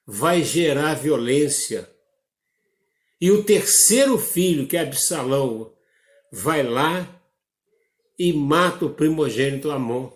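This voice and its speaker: Brazilian male pastor, slow deliberate sermon delivery, slightly high voice, echoey church. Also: darkish tone. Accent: Brazilian Portuguese. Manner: slow, measured preaching with dramatic drops in pitch. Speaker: preacher.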